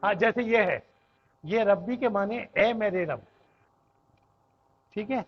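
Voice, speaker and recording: Male grammar teacher from Pakistan, patient lecturing manner, lighter pitch, muffled recording. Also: slightly rough. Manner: explains patiently, often checks with "theek hai?". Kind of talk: classroom lecture.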